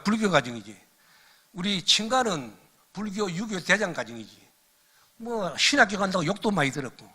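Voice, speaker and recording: Animated older man telling stories. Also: sits high, husky. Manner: animated storyteller who laughs at his own stories. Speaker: missionary lecturer. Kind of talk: lecture with personal testimony.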